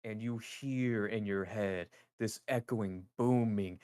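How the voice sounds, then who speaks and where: A man running a tabletop fantasy game, moving between deliberate scene narration and hesitant conversational asides. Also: fairly low pitch, a little mellow, smooth, dry recording, studio quality. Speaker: game master.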